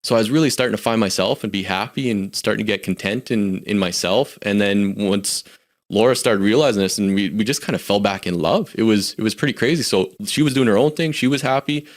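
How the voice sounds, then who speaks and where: A lowish, brisk male voice belongs to a Canadian podcast guest in his forties. Reflective and candid, he recounts his life in casual personal stories, frequently restarting sentences as he goes.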